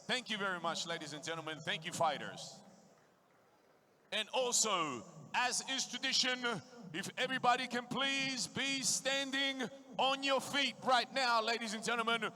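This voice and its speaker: A male ring announcer at a live fight night, calling out to the crowd with a high, ringing voice. His delivery is bright and forceful, with the booming, crowd-working style of a stadium host. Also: moderate pace. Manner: booming, crowd-working, greets audiences in many languages. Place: boxing stadium.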